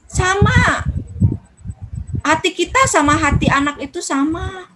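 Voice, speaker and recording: A woman's voice: very high-pitched, takes it slowly, heavy background noise. A woman giving a religious talk to parents, acting out the things parents say to their children. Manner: lively, acts out quoted dialogue with children. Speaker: parenting speaker.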